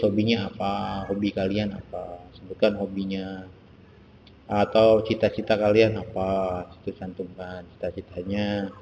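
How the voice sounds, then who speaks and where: A male teacher with an Indonesian accent giving a casual online English lesson, saying example phrases slowly and repeating them. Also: fairly low pitch, darkish tone, a little hiss or hum. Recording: echoey room, dull lo-fi sound.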